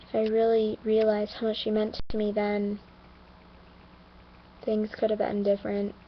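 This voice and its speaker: A teenage girl telling a personal story to the camera, somber and earnest, halting with many fillers and restarts. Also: medium pitch, completely flat delivery, slight background noise. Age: teens. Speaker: vlogger. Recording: dull lo-fi home recording.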